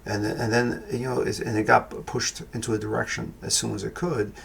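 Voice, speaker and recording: A man with a New York accent rambles casually through a film review on his podcast, thinking out loud with frequent restarts and fillers. His lowish, creaky, fairly bright voice is brisk and flat in delivery, with a little hiss or hum underneath.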